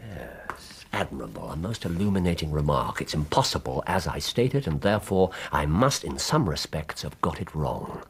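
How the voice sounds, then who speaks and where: An English actor playing Sherlock Holmes in a radio drama, a shrewd, intense detective with a precise, theatrical way of talking. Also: male voice, very deep voice, sing-song, normal speed, few pauses, husky, heavily acted. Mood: wry, absorbed.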